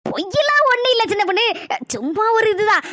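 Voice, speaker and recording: A woman's voice: very high voice, very animated, quick pace, bright, forceful tone, no room sound, studio quality, heavily acted. A woman voicing a lazy, greedy village man who whines and rambles slyly about food in a cartoon comedy. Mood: sly rambling. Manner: whiny, rambling, sly.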